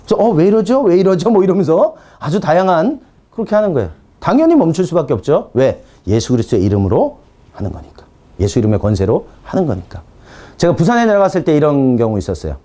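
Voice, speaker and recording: Animated male preacher, high lively voice. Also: fast talker. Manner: animated storyteller, drops to a quiet firm voice for commands. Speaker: pastor teaching deliverance ministry. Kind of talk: sermon with acted-out commands.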